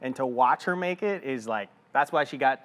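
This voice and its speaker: A man hosting a live cooking demo, upbeat and playful, quick with a joke. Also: mid-range voice, lively intonation. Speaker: host.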